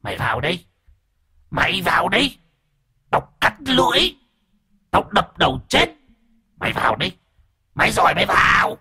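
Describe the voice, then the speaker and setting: A man voicing a vengeful ghost that speaks through a possessed young boy, with a shrill, eerie, menacing voice. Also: sing-song, normal speed, long pauses, sharp tone, breathy edge, exaggerated voice. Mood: threatening. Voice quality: shrill, shrieking.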